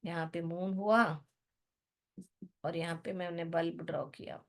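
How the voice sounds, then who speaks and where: A woman's voice: on the low side, flat delivery, a little slow. A woman teaching an English phonics lesson, patiently repeating and drilling words while mixing English into her explanations. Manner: mixes English words into instruction.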